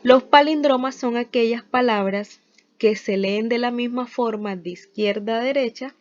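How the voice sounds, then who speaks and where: A woman's voice: a little high, normal speed, a little mellow. A woman teacher giving a scripted spelling lesson, explaining step by step with examples and often starting with "entonces". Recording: dull lo-fi recording.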